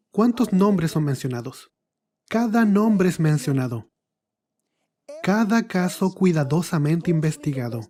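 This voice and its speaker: A man's voice: a little high, dark tone. A male pastor preaching a sermon, asking the congregation questions and answering them himself.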